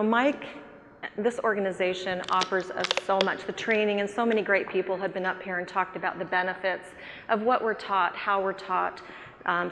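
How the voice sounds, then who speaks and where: Woman, earnest and grateful, halting delivery, hall reverb, faint background noise. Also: lowish voice, a bit bright. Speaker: guest speaker, real estate agent. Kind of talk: onstage speech.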